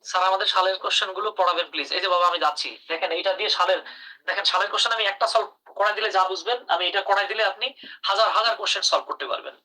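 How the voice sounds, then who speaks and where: A man's voice: high voice, fast, sharp tone, recorded from a distance, low-quality recording. A man teaching English grammar in a live online class, calling on students by name and praising their answers.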